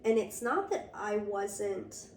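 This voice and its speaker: A young woman talks through a casual podcast conversation, her voice a touch hoarse and her thoughts earnest and reflective, full of little "like"s. She sits a little away from the mic in a roomy space that carries a clear echo. A faint hush of background noise sits under her voice. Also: medium pitch, slow pace, far from the mic. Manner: reflective, earnest, frequent "like" fillers. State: slightly hoarse from a sore throat. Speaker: podcast co-host. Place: room with door open to rain.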